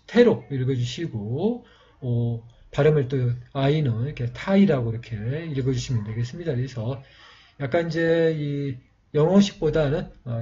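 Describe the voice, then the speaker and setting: Halting, mellow-voiced male teacher. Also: fairly high pitch, highs cut off. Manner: halting, with frequent fillers and repeated phrases. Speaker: calligraphy teacher. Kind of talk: step-by-step writing lesson.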